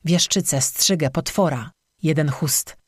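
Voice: medium pitch, unhurried, slightly rough, no echo. An audiobook narrator voicing a young cursed strzyga woman who confesses bitterly through tears, recorded dry and close. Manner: bitter, tearful confession with sobbing.

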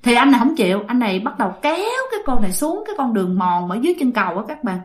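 A woman's voice: fairly high pitch, sing-song, racing. A woman with a Southern Vietnamese accent telling a ghost story, chatty and dramatic, addressing her listeners directly. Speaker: storyteller host.

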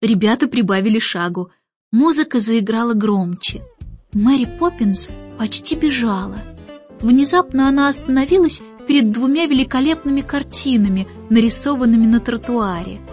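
A woman reading a children's story aloud in a lively storytelling manner. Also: a little high, normal speed. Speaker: audiobook reader. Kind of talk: scripted narration. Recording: muffled audiobook with faint music.

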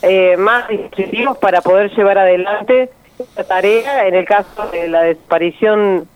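A woman, an activist guest speaking earnestly and measured in a phone interview. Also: medium pitch. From Argentina. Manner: earnest and measured, repeating words. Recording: tinny phone line.

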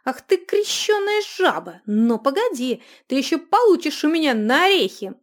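A woman's voice: high voice, very animated, moderate pace, pitched above the performer's own voice. A woman voicing a fiery, hot-tempered woman fighter. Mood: furious. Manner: shouting threats, coarse.

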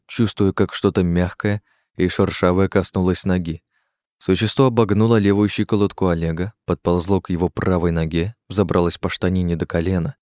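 A man narrating an audiobook in a steady, measured storytelling voice. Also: low voice, dry recording, clean studio sound. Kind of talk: scripted narration.

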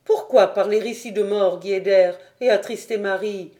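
A sensible noblewoman reasons firmly with her son-in-law, as a woman reads her aloud. The voice stays mellow and measured, a plain audiobook reading. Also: mid-range voice, fairly even intonation, close to an everyday voice. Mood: reproving.

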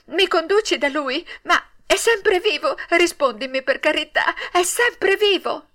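A woman's voice: medium pitch, unhurried, a bit bright, natural voice. A woman voicing a wooden puppet boy in an audiobook, wailing and pleading through sobs. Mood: eager. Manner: sobbing, wailing pleas. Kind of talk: audiobook character voice.

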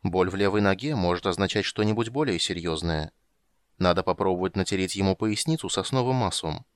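A man doing a dry, measured young mage. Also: sits low, no room sound. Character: calm young male mage, dry and sarcastic.

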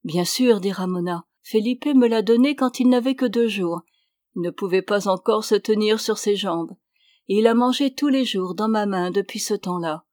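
A woman reading the lines of a tender, devout young runaway woman in a storybook, in a soft voice that lifts when she is moved. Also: mid-range voice, normal speed, no room sound, clean studio sound, close to an everyday voice. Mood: earnest.

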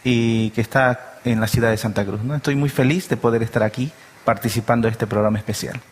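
A man's voice: medium pitch, steady tone, brisk, slightly rough, in a large hall. A man who is a district pastor, a guest on a religious talk show, thanking his hosts and sending greetings to his churches. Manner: grateful, sends greetings.

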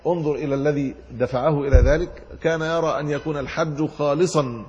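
Husky male scholar in a reverberant hall. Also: a little high, fairly even intonation, fast, darkish tone, highs cut off. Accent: Egyptian Arabic. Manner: reads classical text then explains in colloquial asides. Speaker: Islamic scholar teaching hadith commentary. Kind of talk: religious lesson explaining a hadith text.

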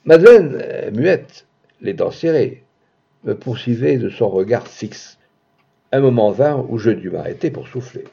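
A man narrating a literary story in a theatrical way, swinging from hushed passages to booming outbursts, heard in a dull lo-fi recording. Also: expressive, measured pace, creaky, husky. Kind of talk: dramatic literary audiobook reading.

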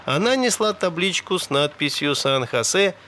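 A man narrating an audiobook in a steady storytelling manner. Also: on the high side, normal speed, a little hiss or hum. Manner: steady storytelling with dramatic voices.

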